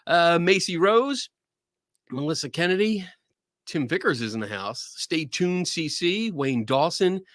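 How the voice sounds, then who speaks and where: An excitable man with a Philadelphia accent chats casually as host of a live show. His voice sits on the high side and swings widely in pitch. It has a bright, forceful ring. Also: a little slow, no room sound, studio quality. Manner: excitable, laughs often, cheers. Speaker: podcast host. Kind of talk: casual livestream chat.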